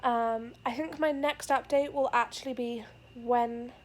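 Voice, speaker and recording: A slightly high-pitched young woman, pregnant and a bit breathless, takes her time giving an earnest update to the camera aimed at her. Her tone holds steady as she rambles through this casual vlog with frequent fillers.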